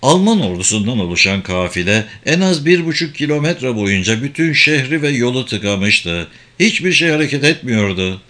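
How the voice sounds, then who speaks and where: A man narrating a dramatic audiobook in a steady reading voice. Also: medium pitch, moderate pace, few pauses.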